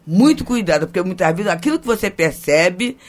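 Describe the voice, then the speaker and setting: Woman medium, reflective storyteller, measured and teacherly. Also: on the low side, expressive. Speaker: spiritist medium and guest.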